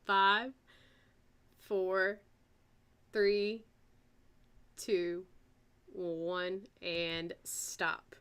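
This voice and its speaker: A woman with a Southern American accent hosting a live-stream auction, chatting in an unhurried way as she reads out kit details and starting bids. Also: mid-range voice, fairly even intonation, a bit bright, clear, resonant tone.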